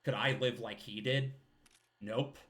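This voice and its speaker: A man's voice: medium pitch, fairly even intonation, unhurried, fairly bright tone, natural voice. A man with a scratchy throat voicing a brooding young male hitman's reflective monologue from a game.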